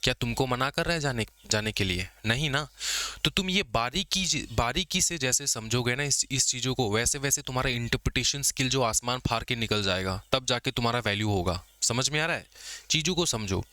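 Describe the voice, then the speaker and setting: Man, exam lecture, bright tone, dry close sound. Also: mid-range voice, expressive, no echo. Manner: explains casually, checks understanding with repeated questions; slows to dictate English definitions. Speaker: teacher.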